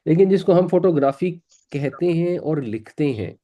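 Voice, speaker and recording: A man's voice: fairly high pitch, lively intonation, highs cut off. A man teaching a Quran class, patiently explaining pronunciation and repeating words for his students. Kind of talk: classroom lesson.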